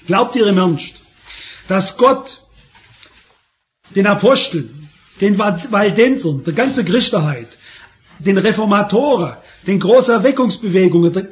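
A man preaching a sermon, emphatic and repeating phrases for stress. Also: sits high. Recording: dull lo-fi sermon recording.

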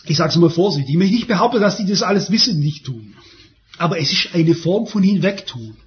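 A man's voice: high voice, animated, fairly quick. A man preaching a sermon, emphatic and repeating phrases for stress. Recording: dull lo-fi sermon recording.

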